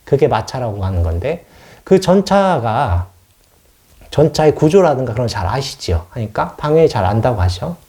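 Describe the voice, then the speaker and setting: A Buddhist monk speaks at a normal speed in a medium-pitched, mellow, sing-song voice. His informal lecture on scripture is explanatory, and he keeps posing questions only to answer them on his own.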